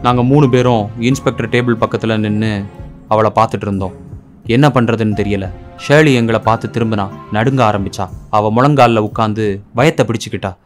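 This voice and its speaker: A man narrating a horror story in a measured, steady storytelling voice. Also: lowish voice, soft background music.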